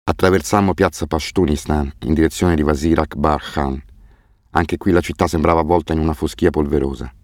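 A man reading a novel aloud in the first person, measured and sober. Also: very deep voice, fairly even intonation, darkish tone, dry recording, clean studio sound. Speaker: audiobook narrator.

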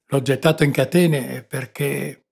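A man's voice: medium pitch, fairly even intonation, unhurried, gravelly, a little mellow, husky. A man reading the part of a nervous, troubled ship captain who speaks with strain and bitterness. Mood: bitter.

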